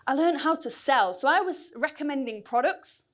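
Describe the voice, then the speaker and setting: A woman's voice: high voice, expressive, normal speed. A woman speaking at a conference, losing her voice, chatty and asking the audience questions. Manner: chatty, asks the crowd questions. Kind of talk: lively lightning talk to an audience. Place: cinema venue stage.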